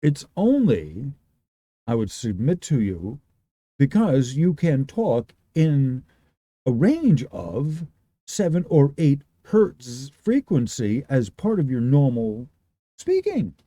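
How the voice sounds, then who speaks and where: A man with a very dark, booming voice talks his regulars through an unscripted explanation. His pitch moves a lot as he rambles, starting sentences over and thinking out loud. The sound is dry and close. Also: very animated, takes it slowly, dry recording. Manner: rambling, restarts often, thinks aloud. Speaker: livestream host.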